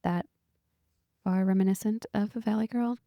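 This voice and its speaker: A woman's voice: medium pitch, steady tone, normal speed, vocal fry, mellow, no echo. A woman co-hosting a podcast who also teaches, talking casually with hesitant, trailing phrases.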